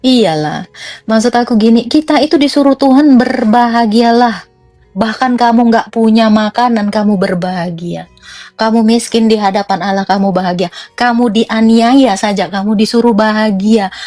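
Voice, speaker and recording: A woman's voice: on the high side, normal speed, a little mellow, no echo, faint music behind. A young woman preaching in a blunt, teasing rant that mixes slang with scripture.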